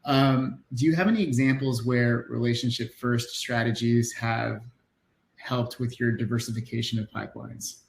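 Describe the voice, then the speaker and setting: A man's voice: medium pitch, fairly even intonation, normal speed, vocal fry, a little hiss or hum. Man hosting a webinar in an echoey room. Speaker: webinar host. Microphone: video call.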